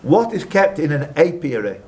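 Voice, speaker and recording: Between questions, a man hosting a live quiz in a club room chats with the contestants. His voice sits on the high side, with big swings in pitch and a moderate pace. The recording is noisy and live, with ambient sound from the social club room behind him.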